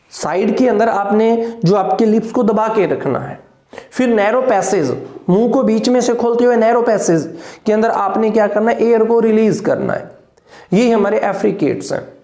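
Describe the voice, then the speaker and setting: Slow, mellow-voiced male phonetics teacher. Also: high-pitched. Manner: patient, repeats sounds, keeps asking "clear?". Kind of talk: classroom lesson explaining consonant sounds. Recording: echoey room.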